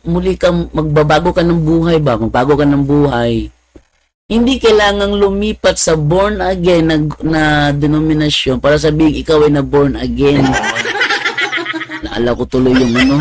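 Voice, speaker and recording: A man with a slightly high voice tells church anecdotes in a loose, chatty way. He laughs often and jumps up loud when he imitates someone shouting. His delivery is animated and unscripted. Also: dry recording. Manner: animated, laughs often, mimics others with a raised voice. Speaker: speaker telling church stories. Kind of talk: casual storytelling talk.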